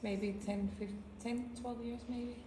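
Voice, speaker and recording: A woman introducing herself as a guest at a club meeting in a relaxed, chatty way. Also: on the high side, a little slow. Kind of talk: casual self-introduction. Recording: echoey room with background noise.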